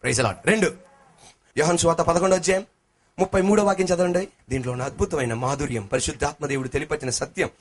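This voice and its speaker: A male pastor preaching a sermon, swinging between shouted sing-song lines and lower talk, calling the congregation to answer back. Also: fast talker.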